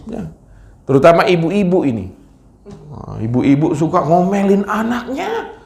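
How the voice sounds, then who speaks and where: A man preaching a Friday sermon to a mosque congregation, lively, scolding and joking the crowd. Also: high-pitched, a little slow, creaky. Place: mosque hall. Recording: echoey mosque hall.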